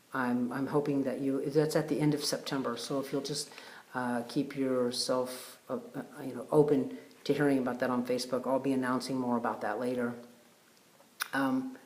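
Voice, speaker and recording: A man hosting a retreat, giving a casual, heartfelt video message with many pauses and fillers. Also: medium pitch. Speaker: retreat host. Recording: roomy echo.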